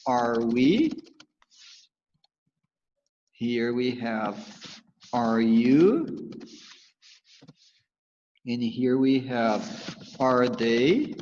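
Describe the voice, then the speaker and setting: A man with a Brazilian accent teaching an English grammar lesson, calling himself teacher and slowly drilling example sentences. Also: mid-range voice, a little mellow, a little hiss or hum. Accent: Brazilian Portuguese. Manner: calls himself teacher, switches between English and Portuguese, slow drilled examples. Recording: dull lo-fi with long reverb.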